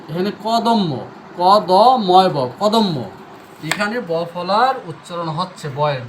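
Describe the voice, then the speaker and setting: High-voiced male grammar teacher. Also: background noise. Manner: explains step by step, repeating and spelling out letters; asks the viewer questions then answers them. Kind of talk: spelling and pronunciation lesson.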